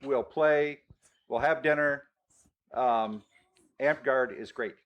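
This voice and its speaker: A man's voice: mid-range voice, slow pace, muffled recording. A man on a discussion panel, speaking in an earnest, welcoming way.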